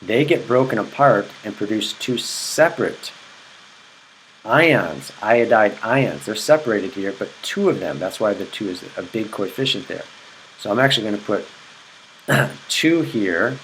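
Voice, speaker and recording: A man's voice: lowish voice, animated, a little slow, fairly bright tone, a little hiss or hum, rough recording. A man explaining chemistry in a recorded lecture, repeating key points and checking in with "okay?". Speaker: chemistry teacher.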